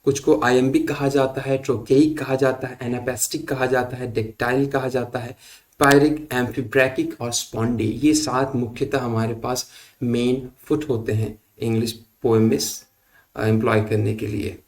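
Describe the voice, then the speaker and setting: Slow, measured male lecturer. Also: medium pitch, fairly even intonation, a little mellow. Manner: measured, explanatory, mixes English terms into Hindi; reads verse slowly with stressed beats. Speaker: literature lecturer. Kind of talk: recorded lecture.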